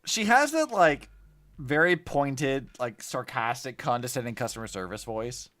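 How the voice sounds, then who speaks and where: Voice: medium pitch, expressive, a little slow, fairly bright tone. A VTuber streamer giving casual, wry gameplay commentary, thinking aloud.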